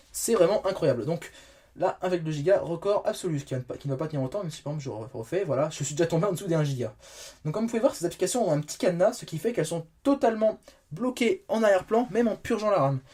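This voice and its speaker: A man's voice: fairly high pitch, a little mellow. A young man talking through a phone review in a casual, rambling way, often correcting himself as he demonstrates features on screen. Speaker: tech reviewer. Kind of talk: casual spoken product review.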